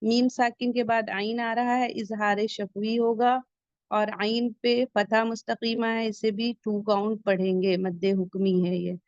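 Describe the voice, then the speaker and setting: Woman recitation teacher, fairly high voice, patient step-by-step explaining, dry close sound. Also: little pitch movement, darkish tone, dry recording. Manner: patient, explains each rule slowly and repeats key points. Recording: dull lo-fi sound.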